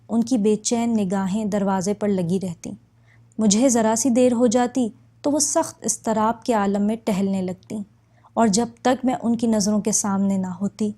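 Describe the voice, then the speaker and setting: A woman reads a novel aloud as an audiobook narrator. Her voice is mellow and soft-edged, and her first-person storytelling is calm and measured. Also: mid-range voice.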